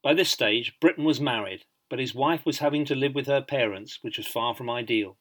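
A man reading a biography as scripted audiobook narration in a measured storytelling manner. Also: mid-range voice, a bit bright.

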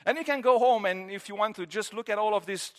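A man's voice: sits high, quick pace. A man, preaching a sermon in an earnest, conversational way with repeated phrases. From Romania. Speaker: pastor.

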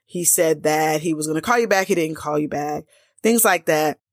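Blunt, low-voiced woman dating coach. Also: moderate pace, no echo, studio quality. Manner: blunt and emphatic, with casual slang. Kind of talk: direct-to-camera coaching talk.

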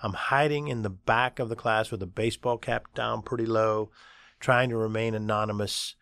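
A man's voice: on the low side, fairly even intonation, normal speed, creaky, a bit bright, smooth, no echo. A middle-aged man hosting a podcast, telling a story in a casual, conversational way, with fillers and asides. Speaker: podcast host and agency CEO.

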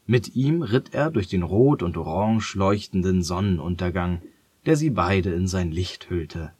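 A man reading a children's story aloud in a calm, gentle and measured way. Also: sits low, husky, no echo.

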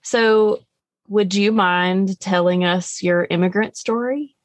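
A woman's voice: mid-range voice, steady tone, slow, no room sound. A woman hosting an interview podcast, speaking in an earnest, encouraging way. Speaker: podcast host. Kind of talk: interview host, reading an introduction.

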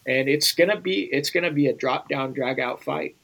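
A man's voice: fairly high pitch, moderate pace, gravelly, fairly bright tone, low-quality recording. A middle-aged American man speaking as a guest in a podcast interview, earnest and urgent, talking straight to the listeners. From United States.

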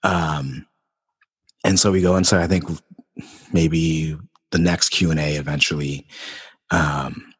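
A man's voice: rumbling low, fairly even intonation, slow pace, pauses often, slightly rough, in a large hall. A man in casual podcast conversation, telling a story animatedly, laughing and swearing casually.

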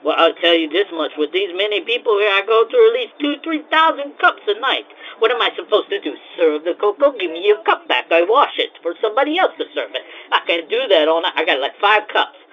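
An actor playing a flustered cocoa-house owner who rants in exasperated, broken grammar and keeps repeating himself. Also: male voice, sits high, very animated, a little fast, hardly any pauses, dull audio. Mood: fretting. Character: flustered male cocoa-house owner, frantic, put-upon.

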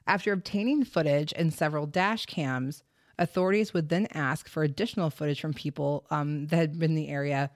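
A woman's voice: sits low, a little fast, no echo. Woman narrating true crime, dry mic. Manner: reads case details, stumbles over place names. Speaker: podcast host.

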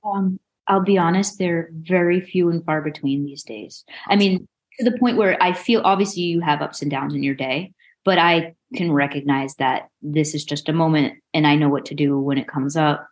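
A forty-year-old mindset coach, appearing as an interview guest, chats frankly and informally. She has a low voice and speaks at a normal pace.

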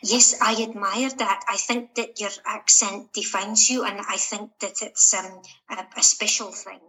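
A woman's voice: medium pitch, flat delivery, a little slow, sharp tone, poor audio. A woman with a Shetland Scottish accent answering interview questions in a hesitant, reflective, conversational way. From Shetland, Scotland. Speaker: interview guest, writer and poet.

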